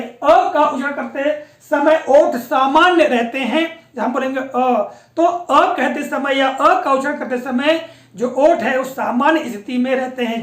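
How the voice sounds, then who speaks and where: High-voiced woman teaching in an echoey room. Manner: patient, explanatory, often repeats a confirming filler. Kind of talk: classroom-style lecture on pronunciation.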